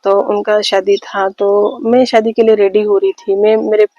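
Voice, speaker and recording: A woman tells a personal story slowly and haltingly, with many fillers and restarts. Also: mid-range voice, flat delivery, mellow, no room sound. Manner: slow, hesitant retelling with many fillers and restarts. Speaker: vlogger. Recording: slightly dull lo-fi audio with faint noise.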